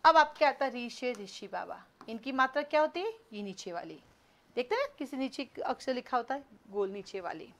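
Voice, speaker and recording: A woman teaching an online class, quizzing students, brisk and scolding, mixing in English words. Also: a little high, big pitch swings. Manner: mixes Hindi with English words.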